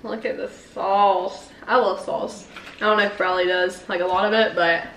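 A woman's voice: mid-range voice, fairly even intonation, normal speed, a bit bright. A young woman vlogger chatting casually and giggling while she eats on camera. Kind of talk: casual mukbang chat. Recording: echoey room with faint noise.

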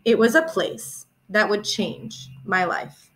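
A teacher in her twenties reads a children's picture book aloud with expressive storytelling, recorded on a webcam in a small room at home. Her voice is medium-pitched and slow.

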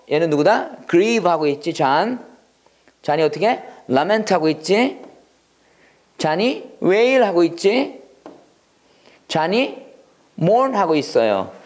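A man's voice: sits high, darkish tone. A man in his fifties teaching English vocabulary in Korean, repeating each word and bursting into acted wailing and sighing to make it stick. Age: 50s. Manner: acts out wailing and sighing in sudden dramatic bursts; repeats words over and over with wordplay mnemonics. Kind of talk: animated Korean vocabulary lecture.

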